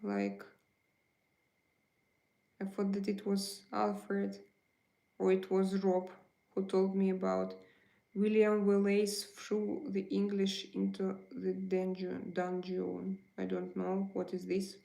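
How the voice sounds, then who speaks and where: This Russian-accented livestream host, a native Russian speaker, chats casually and replies to viewer messages with many hesitant fillers. Her medium-pitched voice is warm and monotone, with vocal fry and a slow pace, heard in a roomy space.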